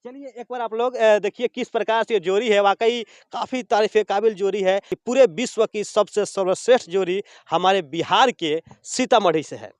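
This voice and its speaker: Man, news interviewer, from Bihar, high voice, chatty, dry close sound. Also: normal speed, hardly any pauses, no echo. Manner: chatty, prompting with many short fillers. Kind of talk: casual on-location interview.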